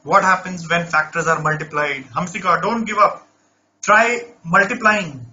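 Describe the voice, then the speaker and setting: In an unhurried live online math class, a man with a high, sharply bright voice coaxes his students and checks on them over and over with a "right?". His voice sounds a bit off, and he says he has lost it. The recording is dull and lo-fi, with faint background noise.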